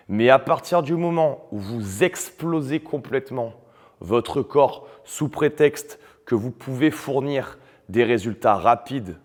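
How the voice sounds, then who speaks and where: Guy coaching on nutrition, blunt and fired up, lots of euhs, long reverb on the voice. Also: fairly low pitch. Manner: blunt and combative, with frequent "euh" fillers. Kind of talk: opinionated video monologue.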